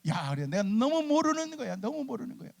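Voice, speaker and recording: A middle-aged male pastor telling chatty, animated stories in a sermon and acting out his church members' lines. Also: extremely high pitch, brisk, creaky. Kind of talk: humorous storytelling sermon. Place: church sanctuary at a summer revival meeting.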